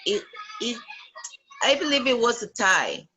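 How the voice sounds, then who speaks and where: A woman from Costa Rica with a Costa Rican Spanish accent, speaking English as a guest in a remote interview, halting, with many pauses and restarts. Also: a little high, very animated, sharp tone, breathy edge, soft background music, low-quality recording.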